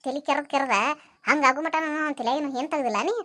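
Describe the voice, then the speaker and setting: A woman's voice: high-pitched, fast talker, bright, forceful tone. A woman with a North Karnataka accent playing a bossy, complaining young wife in a comedy skit. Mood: reproachful. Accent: North Karnataka Kannada. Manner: reproachful, bossy.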